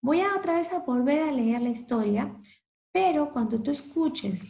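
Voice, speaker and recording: A woman teaching English to Spanish speakers, reading a picture book aloud slowly and expressively and translating each line. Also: sits high, creaky, echoey room, rough recording. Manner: slow, exaggerated, expressive reading with Spanish explanations.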